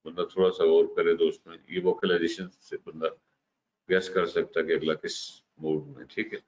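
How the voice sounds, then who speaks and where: A man teaching a lesson on communication, explaining slowly and mixing English terms into his speech, often checking in with "ठीक है". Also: sits low, little pitch movement, a little mellow. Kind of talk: lecture on communication. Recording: slightly dull recording with faint hiss.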